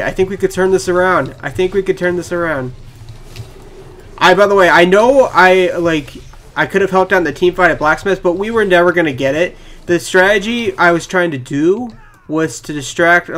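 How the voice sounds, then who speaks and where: A young man talks through his own match as it happens, rambling and excitable. His voice sits a bit high for a man. Keyboard clicks rattle behind him as he plays. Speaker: gaming channel host. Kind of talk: live gameplay commentary. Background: keyboard typing.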